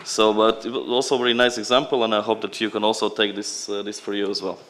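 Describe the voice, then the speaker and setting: Lower-voiced man. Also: flat delivery, fast, fairly bright tone, slight background noise. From Latvia. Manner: loose, unscripted delivery. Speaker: program representative at a conference. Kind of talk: conference presentation.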